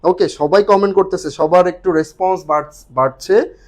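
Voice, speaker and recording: A man's voice: high voice, moderate pace. A young man with a Bangladeshi accent teaching an exam prep class on a live stream. He explains step by step and keeps urging viewers to comment. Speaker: online admission test tutor.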